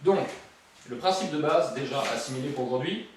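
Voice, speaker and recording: This drum teacher's voice is on the high side, expressive and brisk as he counts beats aloud and cracks jokes between exercises. Drums play behind him in a room with a kit. The noisy background and very echoey room make his voice sound far away.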